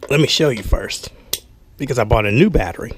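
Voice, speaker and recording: A man with a medium-pitched, husky voice talks briskly and with animation, with no room sound audible. He's a vlogger doing an unboxing, giving a casual hands-on product demo in a small carpeted room, speaking folksily as if half to himself while he handles things.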